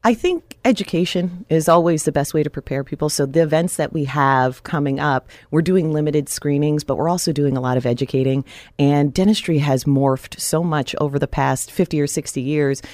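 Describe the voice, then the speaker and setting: A woman talking about dental health as a guest on a radio show, in a steady, informative and upbeat way. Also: sits low, fairly quick, no echo. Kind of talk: radio interview.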